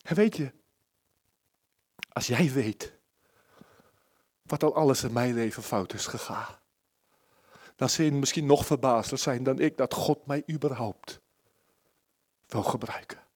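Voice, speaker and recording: A man preaching a sermon at a church service, impassioned, moving between loud pleading and hushed near-whispers. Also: mid-range voice, a little slow, pauses often.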